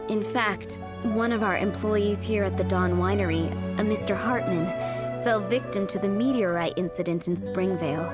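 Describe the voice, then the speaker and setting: Casting: actress as gracious game housemaid in charge, medium-pitched, composed, formal, music underneath. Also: female voice, close to an everyday voice. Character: poised, courteous adult female head housemaid. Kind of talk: video game character acting.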